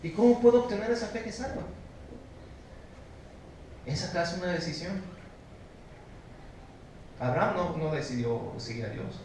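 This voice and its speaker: Mexican pastor preaching in an echoey church. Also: male voice, normal speed, pauses often, slight background noise. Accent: Mexican Spanish. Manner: emphatic preaching, swinging from loud exhortation to low, hushed stress; asks the congregation questions. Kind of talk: sermon. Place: church sanctuary. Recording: very echoey church recorded from a distance.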